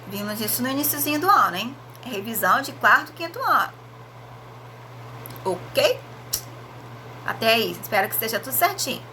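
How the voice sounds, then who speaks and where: A woman's voice: sits high, pushed and bright, slight background noise. A Brazilian woman teacher giving a recorded video lesson, spelling out letters and checking in with frequent tag questions.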